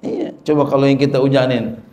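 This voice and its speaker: Middle-aged religious teacher, man, casual repetitive delivery, mellow tone, echoey room. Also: medium pitch, steady tone, brisk. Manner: repetitive, conversational, acts out quoted people. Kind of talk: colloquial Quran commentary lesson. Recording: roomy echo.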